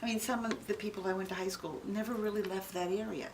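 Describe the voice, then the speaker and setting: A woman's voice: medium pitch, steady tone, fast talker. An older woman, a military veteran, remembering her service informally in an interview. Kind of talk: casual reminiscing in an interview. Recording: distant microphone, clearly noisy room.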